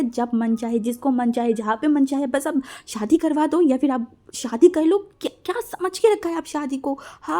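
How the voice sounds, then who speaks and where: A woman voicing a young, hot-tempered husband who scolds with loud, rapid questions, in a read-aloud fan story. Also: sits high. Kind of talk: storytelling with acted dialogue.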